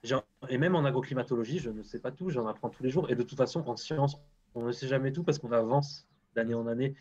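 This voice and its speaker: French guy on a stream, blunt, keeps restarting, mid pitch, dull lo-fi audio. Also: fast talker, a little mellow. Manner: blunt, self-deprecating, lots of restarts. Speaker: agroclimatologist guest. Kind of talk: live-stream interview.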